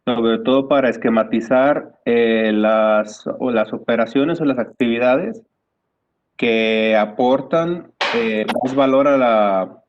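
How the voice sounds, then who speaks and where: A male student answers his professor in an online class, pausing often and searching for words. His voice sits mid-range, and the video call audio is dull and lo-fi. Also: medium pitch. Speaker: graduate student.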